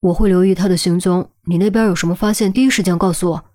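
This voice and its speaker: Read by a woman, a composed young male agent speaks in short, quick lines. He sounds clipped and practical. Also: fairly low pitch, steady tone, mellow, dry recording, studio quality, close to an everyday voice. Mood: terse.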